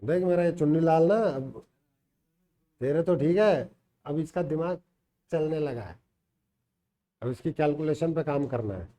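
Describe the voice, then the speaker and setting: High-pitched guy teaching math in class, teasing kids by name, keeps asking if they got it. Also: expressive, measured pace, pauses often, dark tone. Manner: teasing, coaxing, checks understanding by name. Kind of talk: classroom teaching, mixing Hindi and English. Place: classroom with online students joining.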